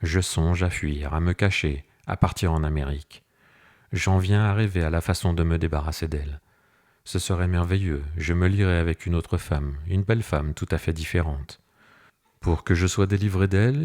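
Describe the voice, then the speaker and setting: Male audiobook narrator, low register, steady and serious first-person delivery. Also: moderate pace. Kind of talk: scripted literary narration.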